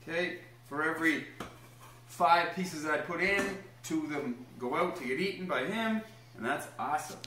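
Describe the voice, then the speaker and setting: A man's voice: on the high side, moderate pace, sharp tone, slight background noise. Upbeat young man teaching in a kitchen. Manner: upbeat, encouraging, talks to a small child while explaining steps. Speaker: home cooking host. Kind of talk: casual cooking demonstration. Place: home kitchen, indoors. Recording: echoey kitchen room.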